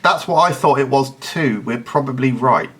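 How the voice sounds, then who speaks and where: A man's voice: medium pitch, normal speed, fairly bright tone, slightly rough. A man giving a casual product review in a blunt, picky, analytical manner. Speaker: snack reviewer. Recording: noticeable background noise.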